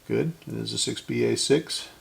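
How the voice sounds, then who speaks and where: A middle-aged man hosting a vintage electronics repair channel talks to himself unscripted during a casual hands-on repair demonstration at an indoor workbench. His voice is mid-range and creaky at normal speed, with slight background noise.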